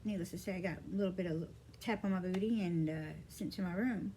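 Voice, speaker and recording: A woman's voice: fairly low pitch, fairly quick, dark tone, a little hiss or hum, rough recording. A woman vlogging casually, telling a story from her childhood with many fillers and acting out the dialogue. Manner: rambling, many fillers, acts out quoted dialogue. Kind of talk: casual personal storytelling to camera.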